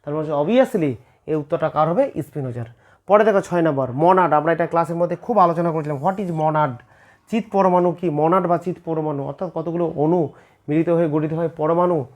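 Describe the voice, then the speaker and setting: A man's voice: fairly high pitch, a little fast. A man teaching an exam-prep class, with a Bengali accent, who keeps asking questions and answering them himself.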